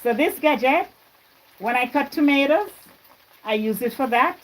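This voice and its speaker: Cooking in her own kitchen, a Jamaican-born woman chats to the people watching her casual livestream amid frying and stirring noises. She has a high-pitched, expressive voice, speaks a little slowly, and the recording is low quality.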